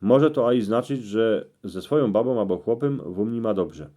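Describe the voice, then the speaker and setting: A man with a Cieszyn Silesian accent reading out interpretations in dialect, in terse phrases with pauses. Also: fairly low pitch, warm tone. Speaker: presenter explaining dream meanings.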